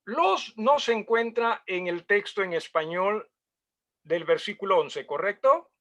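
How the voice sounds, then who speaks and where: A man's voice: high voice, animated, measured pace, sharp tone. A male pastor teaches a Bible class, explaining step by step and checking his listeners with frequent questions.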